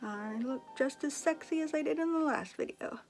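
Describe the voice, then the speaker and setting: A woman's voice: high voice, normal speed, a little mellow, faint music behind, rough recording. A young woman reviewing a product in a chatty vlog, talking to viewers while wearing press-on veneers. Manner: chatty, addresses viewers directly. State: speaking with veneers in.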